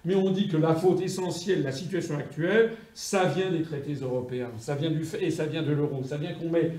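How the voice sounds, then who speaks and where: Insistent man with a mellow voice. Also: a little high, fairly quick. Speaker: political campaigner. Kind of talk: political statement. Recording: echoey room from far off.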